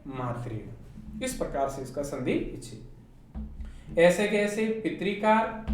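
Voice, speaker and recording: A woman teacher with a Hindi accent giving an online class lecture, explaining step by step and asking her students rhetorical questions. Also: mid-range voice. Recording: very echoey room with faint noise.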